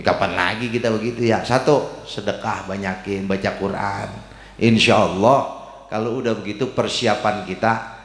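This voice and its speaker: A man's voice: fairly low pitch, fairly bright tone. A man preaching a humorous sermon, joking and teasing the congregation in colloquial speech. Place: mosque hall. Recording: echoey mosque hall with long reverb.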